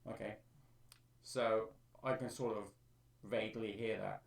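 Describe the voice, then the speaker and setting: A man's voice: lowish voice, steady tone, unhurried, gravelly, echoey room, far from the mic. A man on a live stream, thinking aloud as he explains how he edits his own vocal track. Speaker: streamer and amateur music producer. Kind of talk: live-stream tutorial talk.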